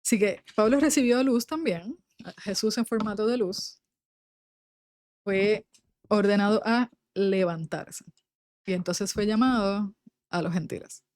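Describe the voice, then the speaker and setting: A woman's voice: mid-range voice, unhurried, pauses often, a little mellow, no echo. A young adult woman, leading a Bible study and reading scripture aloud before explaining it in a conversational way. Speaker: Bible teacher.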